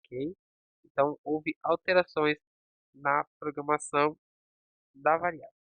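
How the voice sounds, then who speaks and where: A man's voice: fairly high pitch, fairly even intonation, unhurried, no echo. Man, tutorial teacher, step-by-step coding walkthrough, dry lo-fi mic. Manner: talks through code step by step, checking with "ok?" and "certo?". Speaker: programming teacher. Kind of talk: screen-recorded coding tutorial.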